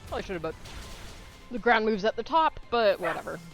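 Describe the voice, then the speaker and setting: A relaxed streamer talks through a live game from a room at home, rambling casually while eating close to the desk mic. The pitch is mid and even. Faint music plays underneath. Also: fairly quick.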